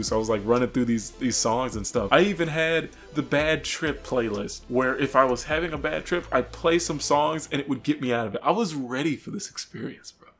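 A young man telling a story casually to camera in an expressive, slangy way, acting out reactions. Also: medium pitch. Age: young adult. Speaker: vlogger. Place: small furnished room with couch, indoors. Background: music.

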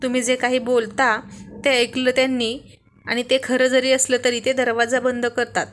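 A woman's voice: fairly high pitch, flat delivery, normal speed, fairly bright tone, a little hiss or hum, close to an everyday voice. A scolding young wife, read by a woman. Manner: scolding, exasperated. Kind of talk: storybook read-aloud.

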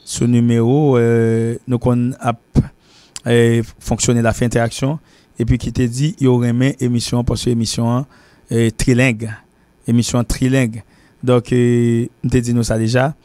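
A man from Haiti with a Haitian accent, hosting and teaching a spoken English lesson. He explains at length, repeats and restarts phrases, and slows down whenever he pronounces an English phrase. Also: mid-range voice, little pitch movement, mellow, clear, resonant tone, no room sound. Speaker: English teacher and show host.

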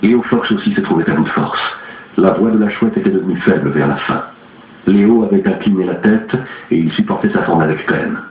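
A man reading an audiobook aloud in a steady, even way. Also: deep voice, a little fast, soft background music. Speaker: audiobook reader. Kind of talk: audiobook narration. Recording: tinny lo-fi, roomy echo.

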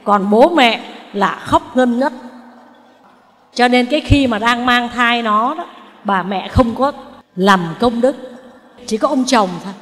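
A woman's voice: on the high side, slow, pauses often. A Buddhist nun giving a dharma talk, telling a story and asking her listeners questions. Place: temple hall. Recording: long hall reverb.

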